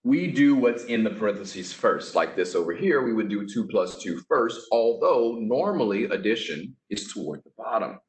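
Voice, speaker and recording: A man's voice: lowish voice, expressive, normal speed, hardly any pauses. A man teaching a casual math lesson, talking through each step with chatty, offhand asides. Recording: echoey room.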